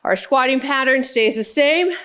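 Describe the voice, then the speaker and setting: A woman with a fairly high voice leads an exercise session as the instructor. She counts out the workout moves and gives short cues, encouraging people as she goes. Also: normal speed, a bit bright, clear, resonant tone. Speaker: fitness instructor.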